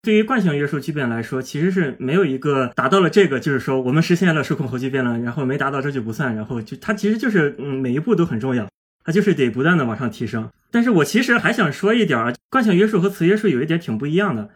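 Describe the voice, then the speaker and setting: A man explaining physics on a podcast as a guest, lively and step by step, with everyday images. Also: on the high side, fast, husky.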